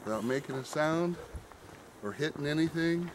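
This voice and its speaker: A middle-aged man talks casually while hiking through woods, his voice swinging lively in pitch. The camera audio catches plenty of outdoor noise around him. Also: moderate pace. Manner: excited, mimics owl hoots. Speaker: hiker. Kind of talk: casual chat. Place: forest trail outdoors.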